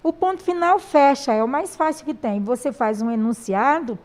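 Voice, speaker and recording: A Brazilian woman teaching a primary school language lesson, explaining patiently with pauses and fillers. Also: high voice, expressive, a little mellow. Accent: Brazilian Portuguese. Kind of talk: recorded classroom lesson.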